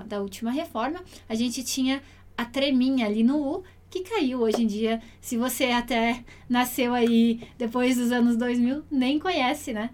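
A woman with a Brazilian Portuguese accent teaching an online Italian lesson, speaking clearly and patiently and repeating words slowly for pronunciation. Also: high voice, a little mellow.

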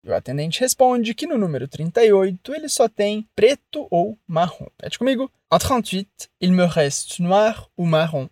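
A French teacher gives a language lesson, modeling phrases slowly and carefully so the listener can repeat them. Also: mid-range voice, very animated, darkish tone, no echo.

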